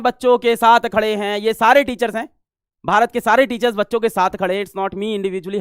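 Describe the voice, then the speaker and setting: A man from India, an online teacher, making an urgent and emphatic video appeal and reading headlines out slowly. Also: high voice, clean tone, dry recording, studio quality.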